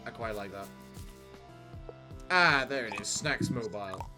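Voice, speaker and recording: A man's voice: on the low side, expressive, a little slow, bright, forceful tone, faint music behind. A man co-hosting a casual let's play, rambling along with a theatrical streak. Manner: rambling, theatrical sign-offs. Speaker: gaming channel co-host.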